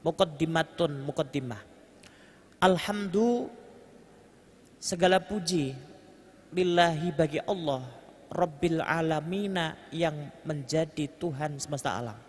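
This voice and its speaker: This Javanese-accented preacher speaks at a measured pace in a fairly high, slightly rough voice while giving a mosque sermon built around kitab reading. Rendering the Arabic into translation one phrase at a time, he trades jokes with the congregation and leads them in chanting. The large hall adds long reverb, with faint ambient noise in the background.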